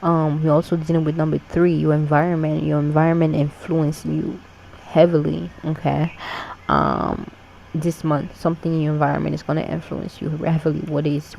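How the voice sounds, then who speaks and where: Casual tarot reader, unhurried and repetitive, with a gravelly, warm tone and faint background noise. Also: medium pitch, dull audio. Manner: loose and conversational, full of "you know" and "okay?"; relaxed, unhurried, repeats key phrases. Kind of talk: casual monthly tarot reading to camera.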